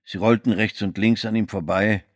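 A man reading a novel aloud as scripted audiobook narration, giving the characters' lines small shifts in pitch. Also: fairly even intonation, normal speed, dry recording, studio quality.

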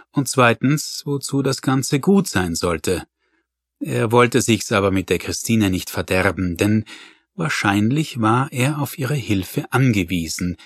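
A man narrating an audiobook in a calm, even storytelling manner. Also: fairly low pitch, dry recording, studio quality. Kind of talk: scripted narration.

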